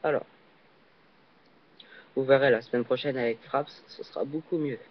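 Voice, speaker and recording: A young man casually commenting while he plays a video game, hesitant and full of fillers, with sudden excited yelps on jumps. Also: mid-range voice, normal speed. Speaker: gaming channel host. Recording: dull lo-fi recording.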